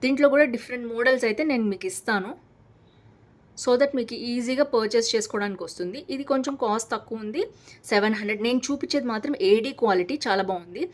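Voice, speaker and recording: Fast-talking chatty Telugu woman vlogger. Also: on the high side. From Hyderabad, India. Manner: chatty, enthusiastic, mixes English words into Telugu. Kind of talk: casual product unboxing vlog.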